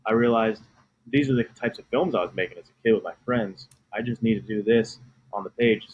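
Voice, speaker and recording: Low-voiced young man on a muffled line. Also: fairly quick, a little hiss or hum. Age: 20s. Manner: eager, conversational storytelling. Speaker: author guest. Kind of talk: casual podcast interview.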